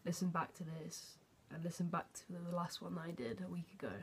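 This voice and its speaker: A young man recording a casual video diary at home, halting and hesitant, often trailing off into a near-whisper at the ends of his phrases. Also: high voice, completely flat delivery, a little hiss or hum. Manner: hesitant, halting, with many fillers and restarts. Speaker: vlogger. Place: at home, indoors.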